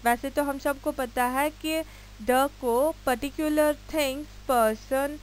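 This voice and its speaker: Slow, high-voiced woman teacher explaining grammar. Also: steady tone, poor audio. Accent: Indian English. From India. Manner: slow, deliberate explaining, spelling words out and asking checking questions. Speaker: English teacher. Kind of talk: video lecture mixing Hindi and English.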